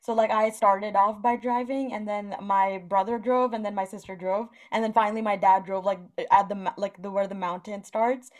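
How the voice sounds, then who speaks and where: A woman's voice: medium pitch, fairly even intonation, moderate pace, few pauses, darkish tone. A young woman co-hosting a casual chat, talking colloquially with lots of filler "like". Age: young adult. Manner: colloquial, giggly, heavy use of "like".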